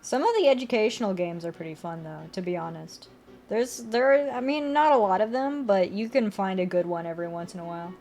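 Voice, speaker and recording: A woman's voice: medium pitch, expressive, brisk, darkish tone, soft background music. A young woman streamer chatting casually while drawing, rambling and correcting herself, often laughing.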